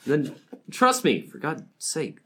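A man's voice: fairly high pitch, huge pitch swings, slow pace, fairly bright tone. A young man playing a worried hiker in an improvised skit with friends, fretting and anxious.

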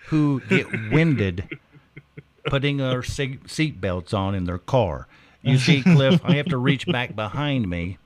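A man's voice: mid-range voice, animated, unhurried. Middle-aged male radio co-host, playful and self-mocking, voice rising and falling a lot. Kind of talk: casual morning radio banter.

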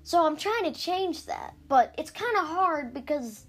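A woman's voice: high-pitched, expressive, unhurried. A woman hosting a casual podcast, rambling chattily and cutting herself off with giggly asides, recorded on an iPad. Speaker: podcast host recapping books. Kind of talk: casual chat.

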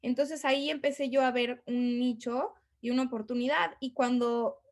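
A woman's voice: high-pitched, steady tone, moderate pace. A Mexican woman talking as a guest on a podcast, in a chatty way with many fillers and restarts. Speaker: guest, tour guide. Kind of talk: casual podcast conversation.

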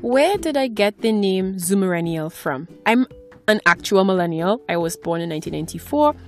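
Soft music plays behind a woman in her 20s as she casually hosts her own podcast from a small home clothes closet. Animated and medium-pitched at normal speed, she rambles chattily and mocks herself.

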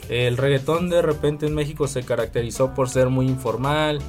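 A man's voice: mid-range voice, steady tone, a little mellow. Young guy from mexico city explaining his music business, earnest, faint music under. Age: 20s. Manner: earnest, explanatory, slow in places. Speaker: guest, concert promoter and singer. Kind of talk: interview answers.

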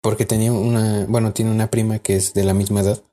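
Talking fast in a lowish, warm voice with flat delivery, a Mexican-accented podcast co-host recounts something spooky that happened to him. The chat is casual and rambling, packed with fillers and false starts.

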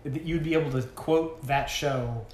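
Laughing podcast co-host in an echoey room. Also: male voice, fairly high pitch, moderate pace. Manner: laughs often, animated, riffs on accents. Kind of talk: casual chat. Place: apartment room. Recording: echoey room with faint noise.

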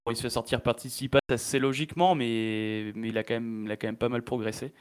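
A man's voice: mid-range voice, steady tone, fast, smooth. A man from France hosting a casual chat, hesitant and full of restarts and fillers.

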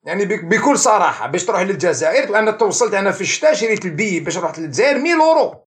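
Algerian professor guy talking super fast, pitch jumps all over, throws in french words. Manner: animated, mixes French and English terms. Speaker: economics professor, guest. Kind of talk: explanatory interview talk.

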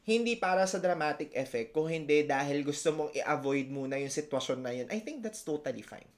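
A man's voice: fairly high pitch, expressive, a little fast. A man in his thirties with a Filipino accent, a teacher co-hosting a casual podcast, talking in a reflective, teasing way. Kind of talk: casual chat.

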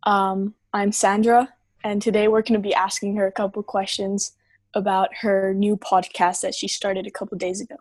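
A woman hosting a podcast and asking interview questions in a brisk manner. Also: mid-range voice, little pitch movement, a little mellow, dry recording. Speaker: podcast host.

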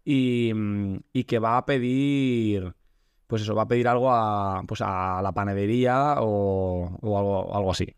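A man's voice: fairly low pitch, a little slow, smooth, no room sound. A man from Spain co-hosting a casual comedy podcast, telling stories with lots of hesitant fillers and self-interruptions. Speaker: podcast co-host.

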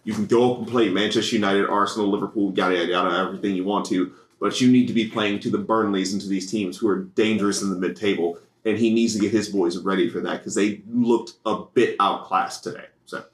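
An American man co-hosting a casual sports podcast, rambling and excitable, laughing often. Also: on the low side, quick pace, hardly any pauses. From United States. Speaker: podcast co-host. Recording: echoey room.

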